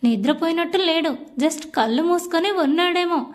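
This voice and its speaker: A woman with a very high voice tells a story in the first person, scripted audiobook narration with emotional feeling. Her delivery is steady and intimate. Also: normal speed.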